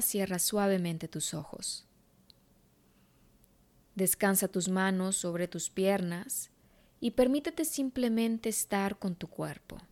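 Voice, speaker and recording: A woman leading a guided meditation, counting breaths slowly and gently with unhurried pauses. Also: medium pitch. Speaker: meditation instructor.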